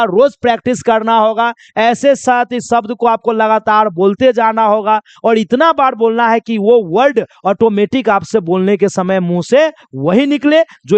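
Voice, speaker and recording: A man with a very high, smooth voice teaches English phonics as a lesson. He keeps asking a question and answering it himself, and he stretches out the letters slowly when spelling. The sound is close and dry. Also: dry recording. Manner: repetitive call-and-answer teaching, asking then answering his own questions; drawn-out slow spelling of letters.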